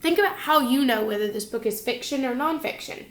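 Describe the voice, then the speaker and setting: In a high voice, a female teacher reads a children's picture book aloud to her students, expressive and instructive, pausing now and then to make sure the young listeners are keeping up.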